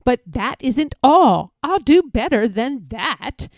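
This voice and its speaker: A bossy, puffed-up turtle king performed by a woman proclaims in storybook rhyme. The delivery is imperious and thundering, with big swoops in pitch and a measured pace. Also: very animated, darkish tone, dry recording, studio quality, exaggerated voice. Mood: imperious, commanding. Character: pompous, bossy, boastful male turtle king. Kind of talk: rhyming storybook read-aloud.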